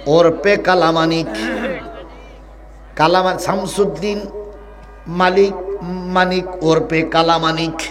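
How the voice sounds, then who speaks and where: A male preacher giving a fiery sermon, switching from a calm telling voice to loud rousing shouts. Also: a little high, takes it slowly, long pauses, over music. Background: crowd answering.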